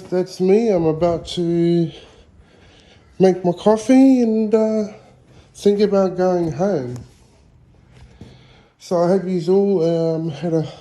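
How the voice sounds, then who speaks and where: On school grounds outdoors, a New Zealand vlogger gives a casual walking tour in a slow, relaxed way. His voice sits on the high side, and his talk rambles, full of hesitant fillers.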